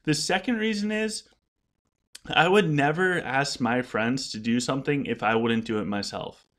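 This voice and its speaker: A man speaking off the cuff as a gaming creator to his viewers, earnest and explanatory, often halting and restarting his words. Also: medium pitch, fairly bright tone. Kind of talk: casual unscripted vlog talk.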